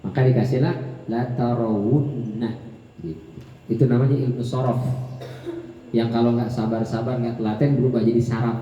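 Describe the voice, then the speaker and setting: A man teaching Quran commentary in a joking way, slowly drawing out Arabic words and acting out short dialogues. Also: steady tone, dark tone, a little hiss or hum. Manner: jokey, acts out dialogue with rising pitch. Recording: echoey hall, dull lo-fi sound.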